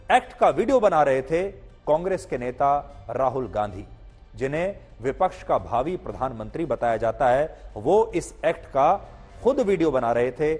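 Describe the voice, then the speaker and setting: A man's voice: on the high side, darkish tone, husky. Pointed middle-aged man anchoring news. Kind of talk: scripted news commentary.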